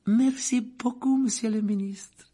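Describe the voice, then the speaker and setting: A man voicing a warm, chatty middle-aged woman who runs an inn and gossips fondly. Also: very high-pitched, steady tone, unhurried, slightly rough, voice pushed up, heavily acted. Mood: serving, cheerful. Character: warm plump middle-aged female innkeeper.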